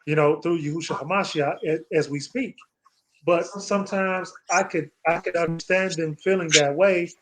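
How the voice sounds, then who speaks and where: In a reflective Bible discussion, an American host with a fairly high voice frequently pauses to find his words while leading scripture study. The audio quality is poor.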